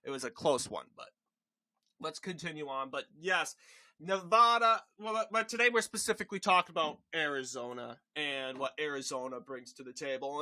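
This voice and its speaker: A young man with a very bright, forceful voice, pitched a little high, works as an informal election night analyst. He talks through results in a halting, rambling commentary and often corrects himself mid-sentence. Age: young adult, about 20. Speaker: channel host giving election results analysis.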